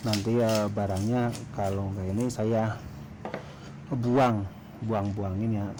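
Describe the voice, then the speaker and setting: A man tells a story casually to camera, halting and hesitant as he goes. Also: lowish voice, fairly even intonation, background noise. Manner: hesitant, halting delivery with throat-clearing. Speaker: food vlogger telling a story.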